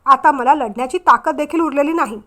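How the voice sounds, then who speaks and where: A woman's voice: sits high, a little fast, a bit bright. A woman voicing a hurt, despairing young bride who speaks bitterly through tears. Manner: bitter, tearful.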